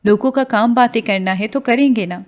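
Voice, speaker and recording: A woman's voice: a little high, darkish tone, voice pushed up, close to an everyday voice. A woman voicing a friendly young female friend who talks in a coaxing, cheerful way.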